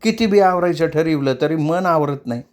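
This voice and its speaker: A man's voice: on the high side, normal speed, pitched above the performer's own voice, lightly acted. A man voicing a lovesick, tearful young tamasha dancer, pleading in rural dialect.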